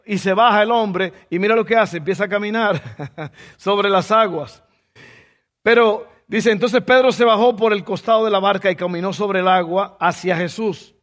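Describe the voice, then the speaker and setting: High-voiced preacher man in a hall. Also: normal speed. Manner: lively storytelling with rhetorical questions. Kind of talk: sermon.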